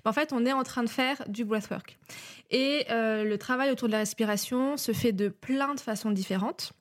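A woman's voice: fairly high pitch, normal speed. A woman guest, a life coach, explaining at length with many hesitations, a little nervous. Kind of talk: casual interview chat.

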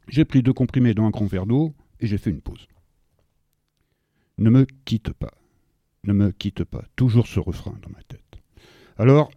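A man's voice: medium pitch, warm tone, no echo, highs cut off. A man reading a playful, theatrical radio column into a studio microphone, full of rhetorical questions.

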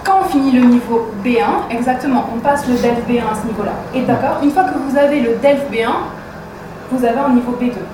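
A woman's voice: a little high, brisk. A woman teaching a French class who keeps checking that her students follow with "okay?". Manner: checks understanding with frequent "d'accord?" and "ok?". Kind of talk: leading a classroom lesson. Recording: far-off echoey classroom with background noise.

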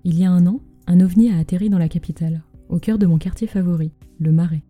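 A woman with a very dark, mellow, fairly low voice tells a scripted story as a podcast host. She speaks close to the mic, as if right in your ear, with music playing softly behind her. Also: fast.

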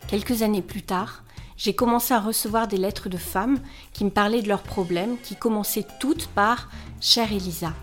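A woman in her forties narrates in a calm, confiding, intimate way, as though speaking to one listener. Her voice sits at a middling pitch, neither high nor low, and the delivery is scripted and even. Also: moderate pace, soft background music. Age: 40s. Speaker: blogger and host.

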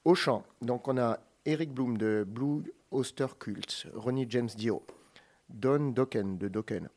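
A man's voice: medium pitch, slow, a little mellow. Guy on the radio rattling off a long list of band names, joking around, correcting himself. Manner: reads long name lists, joking asides and self-corrections. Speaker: radio co-host presenting a music segment. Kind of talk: casual radio chat.

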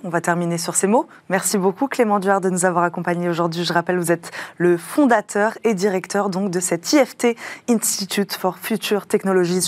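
A woman's voice: fairly low pitch, no room sound. French woman interviewer with dry, close sound. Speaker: host of a tech interview show. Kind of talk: broadcast interview, conversational questions.

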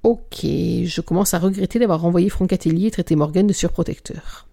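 A reader narrating a novel aloud at a measured pace, sometimes sinking into a whisper. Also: mid-range voice, creaky, warm tone. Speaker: audiobook reader.

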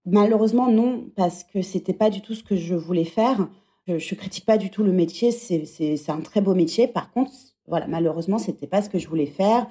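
A woman in her thirties talks as a podcast guest in a conversational interview. Her voice sits at a middle pitch with a mellow, warm tone. She reflects aloud as she answers. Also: brisk. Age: 30s. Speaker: podcast guest, former teacher.

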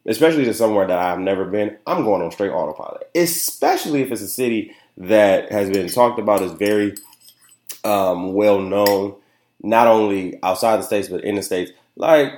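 This is a young man's mid-range, somewhat dark voice as he hosts a casual podcast on his own. Congested and nasal, he chats in a rambling way, piling on fillers and asking "you know what I'm saying" again and again, with echoey room sound around him.

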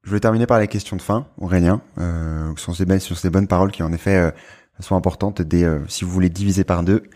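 A man hosting a casual podcast interview, relaxed and friendly, pausing with fillers. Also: deep voice. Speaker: podcast host.

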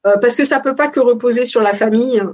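Breathy woman in her 40s, founder chatting in an interview, lots of ums, kinda muffled recording. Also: a little high, quick pace, a little mellow. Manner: thoughtful, hesitant with many fillers. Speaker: business founder guest. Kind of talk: casual interview conversation. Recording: dull lo-fi sound.

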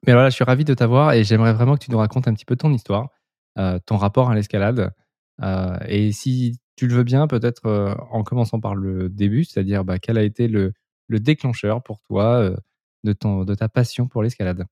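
A man's voice: on the low side, fairly even intonation, brisk, dark tone, dry recording. A man hosting a podcast, reading a scripted intro and then asking questions hesitantly. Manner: hesitant, many fillers and restarts when asking. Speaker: podcast host.

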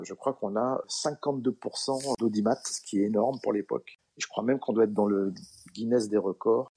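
A middle-aged man, a comedian guest in an interview, telling anecdotes in a relaxed way with many fillers and acted-out dialogue. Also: fairly low pitch, gravelly, breathy edge. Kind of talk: relaxed storytelling.

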